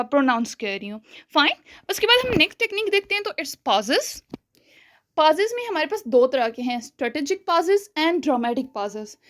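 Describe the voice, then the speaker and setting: A woman teaching a spoken-English lesson, explaining step by step, checking in often with her listeners, and showing volume changes, pauses and stretched words. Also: sits high, sharp tone. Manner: explanatory, checks in with frequent "theek hai?".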